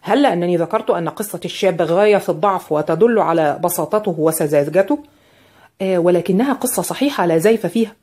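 A woman's voice: on the low side, a little mellow, close to an everyday voice. A woman reading as a shrewd older barrister. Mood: musing. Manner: measured, reasoning aloud. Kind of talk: audiobook character reading.

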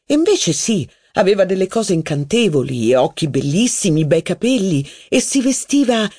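A man reading an audiobook, voicing a haughty, witty duchess who gossips with mocking flair. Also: full character voice. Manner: mocking, gossipy, lively pitch. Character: haughty witty middle-aged aristocratic duchess.

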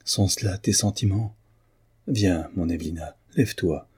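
A remorseful aristocratic father from a classic novel, torn by guilt and speaking in tormented outbursts, as a male narrator puts him on. The voice is very low and dark with a husky grain. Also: a little slow, full character voice. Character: anguished remorseful aristocratic father, older man.

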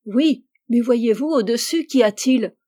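A hurried jovial uncle, read by a woman, coaxing, louder, mellow. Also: on the high side. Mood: cheerful. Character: jovial kind uncle, middle-aged man.

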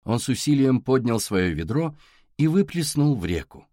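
A man narrating a novel aloud in a scripted, expressive reading. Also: mid-range voice, normal speed, no room sound, clean studio sound. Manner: expressive reading with acted dialogue. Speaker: audiobook narrator.

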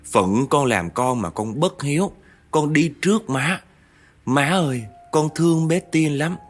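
A man's voice: a little high, animated, a little slow, soft background music, voice pushed up. A man voicing the ghost of a young mother who pleads tearfully with her own mother. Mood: pleading. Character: grieving dead young mother ghost, woman.

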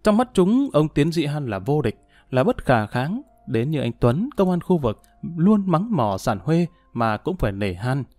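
A man narrating an audiobook in a steady, measured way. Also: fairly high pitch, dry recording, soft background music.

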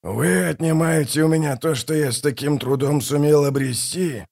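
A man voicing a scornful ancient tyrant king in a dramatized audiobook, contemptuous and rising to furious shouts. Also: on the high side, normal speed, vocal fry, voice pushed up. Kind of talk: audiobook reading with character voices.

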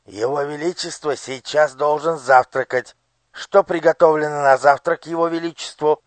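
A man's voice: fairly even intonation, moderate pace, no echo, lightly acted. Man doing a quavering old ceremony master. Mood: blustering. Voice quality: quavering, shrill when angry. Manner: querulous, blustering, shouting orders. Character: fussy forgetful old male palace ceremony master. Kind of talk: audiobook character voice.

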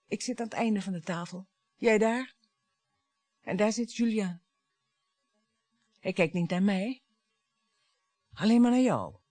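In a radio drama, an actress portrays a wounded, bitter wife and mother, theatrical and sarcastic, shifting between hushed and emphatic speech. Her voice is a little high, with no echo.

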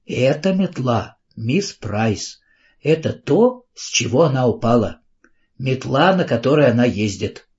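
A man's voice: mid-range voice, lively intonation, measured pace, darkish tone, close to an everyday voice. A man voicing an earnest, polite small boy in an audiobook, on a dull lo-fi recording.

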